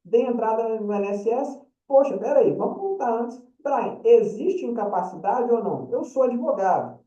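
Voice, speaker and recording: A Brazilian lawyer teaching a short course gives an informal, conversational lecture, chatting away and constantly checking in with his audience. His voice is very high, animated and warm at a moderate pace. The recording is dull and roomy, made from a distant mic.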